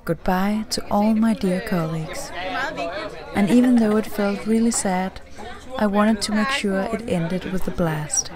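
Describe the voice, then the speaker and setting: A woman narrating a sailing vlog in a warm, reflective voice-over. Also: medium pitch, measured pace, a crowd in the background. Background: music.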